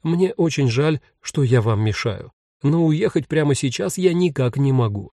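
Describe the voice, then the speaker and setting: A man's voice: medium pitch, lively intonation, brisk, no room sound, studio quality. A man voicing a polite, fearless young woman writer who talks courteously and formally. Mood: slow, clear. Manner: courteous and formal, speaking loudly and clearly.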